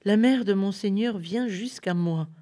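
A woman's voice: mid-range voice, a little slow, dark tone, voice pushed up, natural voice. A woman voicing a joyful, devout older woman who declares her words with solemn fervor, in a storybook reading. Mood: fervent.

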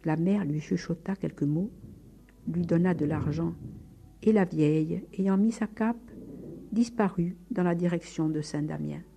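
A woman narrating a story in a measured, expressive reading. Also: lowish voice, creaky, a little hiss or hum.

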